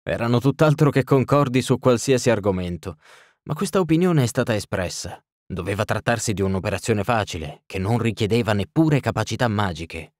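A man voicing a measured, faintly ironic bearded nobleman in an audiobook, in a raised voice. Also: on the low side, animated, no echo, clean studio sound, natural voice. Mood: explaining. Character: smooth, wry bearded male nobleman.

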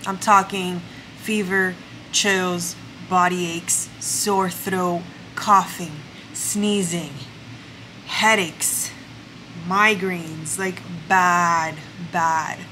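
Sitting at the vanity in her bedroom, a woman in her twenties who makes lifestyle vlogs talks to the camera, her voice stuffed up with the flu. She's chatty and full of stories and "like" fillers, speaking very slowly in a lowish, bright, forceful voice with fairly even intonation. The recording is rough, with a little hiss or hum.

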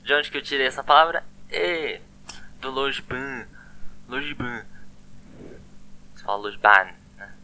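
This time the chatty online language teacher sounds expressive and brisk, barely pausing, his mid-range voice bright and forceful. He keeps repeating words with a questioning "né?", and a little hiss or hum sits under the recording.

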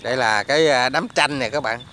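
A man's voice: medium pitch, quick pace, bright, forceful tone. A man vlogging outdoors on a rainy afternoon, chatting to his viewers and recording on a phone. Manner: chatty, addresses viewers constantly. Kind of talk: casual outdoor vlog commentary. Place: outdoors in rain at a quiet resettlement area. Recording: light rain and frog noise outdoors. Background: rain and frogs croaking.

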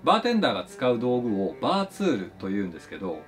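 Lively-voiced man explaining a craft. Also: racing, faint music behind. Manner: polite, explanatory, lively pitch swings. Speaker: flair bartender explaining his craft. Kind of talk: scripted educational narration.

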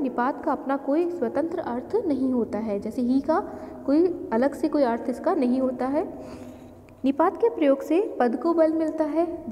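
A woman teacher explaining a grammar lesson slowly and deliberately, listing examples one by one. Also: high-pitched, dark tone, long reverb tail.

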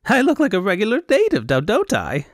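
A man doing a high, affected foppish elf noble. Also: fairly quick, no echo, studio quality, full character voice. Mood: chatty. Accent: high Elvunian fantasy accent. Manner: excitable, affected, talkative. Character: foppish high-voiced male Elvunian noble, flamboyant and chatty.

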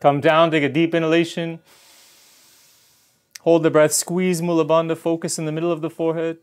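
A man's voice: a little high, flat delivery, a little fast, clean tone. A man teaching a guided yoga class, giving encouraging instructions and slightly out of breath.

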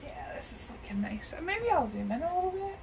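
A woman who makes coloring videos chats casually and unhurriedly while she colors at her desk indoors, using lots of ums. Her voice is very high, scratchy and sing-song, and she talks a little fast. She's recorded by an overhead camera above the desk.

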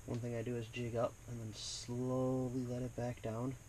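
Man, outdoors on frozen lake, quiet mumbled fishing commentary, noisy outdoor recording. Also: medium pitch, moderate pace. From Wisconsin. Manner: quiet muttered commentary, excited bursts. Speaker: fishing vlogger. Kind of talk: casual narration while fishing.

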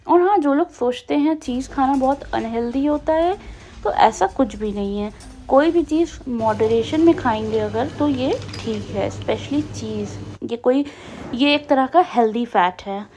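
A woman's voice: high voice, unhurried, mellow. A young woman with a North Indian Hindi accent narrating her family vlog in a chatty way, slipping English phrases into her Hindi. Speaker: family vlogger.

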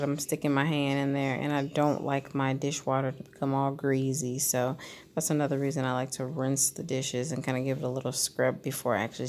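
A lifestyle vlogger narrates her home cleaning routine in a chatty, relaxed voice-over, dropping fillers like "um" and "kinda." Her pitch is extremely low. The narration was recorded at home, not in the kitchen shown on screen.

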